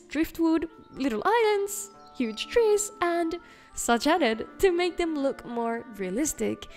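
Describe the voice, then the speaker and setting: High-voiced woman narrating a game showcase. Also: a little mellow. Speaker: video game mod showcase host. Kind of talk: scripted narration. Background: faint background music.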